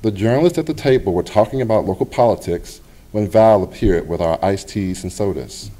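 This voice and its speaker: A middle-aged man with a fairly low pitch shares his personal essay at a public library reading. He paces it carefully, reading expressively and pausing along the way.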